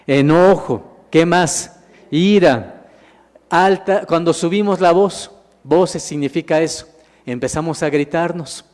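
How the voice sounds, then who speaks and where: This minister's voice is a little high and somewhat mellow, and he speaks slowly. Leading a Bible teaching with slides, he asks the congregation questions, refers to them as "hermanos," and responds himself under the lingering reverb of a large hall.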